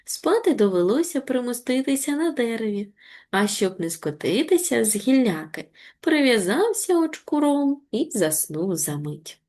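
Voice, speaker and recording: A woman teacher giving an online reading lesson to young children, encouraging and deliberate, slowing down to spell out words. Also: fairly high pitch, very animated, darkish tone. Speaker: primary school teacher.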